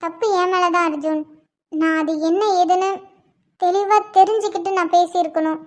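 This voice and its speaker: A woman voicing Nila, a gentle, forgiving young wife and new mother in a cartoon, speaking softly and cheerfully. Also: very high-pitched, steady tone, normal speed. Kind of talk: cartoon voice acting.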